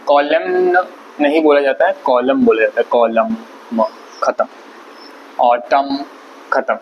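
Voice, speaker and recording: A man's voice: medium pitch, a little slow, dull audio. A man teaching an English vocabulary lesson, explaining patiently and repeating words syllable by syllable. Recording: faint background noise.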